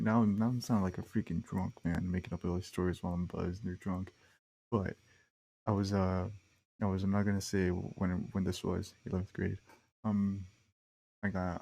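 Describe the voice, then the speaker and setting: A man's voice: fairly low pitch, vocal fry, mellow. A young man hosting a podcast, telling rambling stories in a casual, slangy way with lots of fillers. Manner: rambling, slangy, laid-back with frequent fillers. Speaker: podcast host. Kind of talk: casual storytelling monologue.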